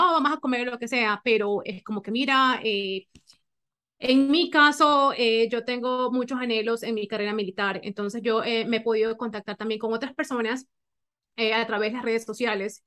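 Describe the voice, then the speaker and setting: Upbeat Ecuadorian woman, slightly high. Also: steady tone, moderate pace. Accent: Ecuadorian Spanish. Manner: warm, heavy filler "eh". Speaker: interview guest, army officer. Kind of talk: casual interview chat.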